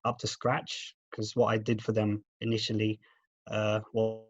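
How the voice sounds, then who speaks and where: A man's voice: on the low side, completely flat delivery. Man on a glitchy, cutting-out call. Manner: halting and candid, with frequent restarts. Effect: glitchy audio cutting out over a weak connection. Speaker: team member on a group video call. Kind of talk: casual video call check-in. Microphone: video call. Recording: dull, dry, lo-fi video call audio.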